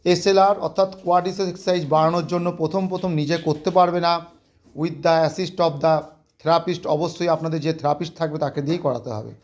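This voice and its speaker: A man with a fairly high voice works as a physiotherapist and walks a patient through rehab exercises. He calls out short commands and counts the reps aloud. He drops English medical terms in as he explains. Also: fairly even intonation, fast talker, muffled recording. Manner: mixes English medical terms into his speech. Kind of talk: instructional demonstration with a patient.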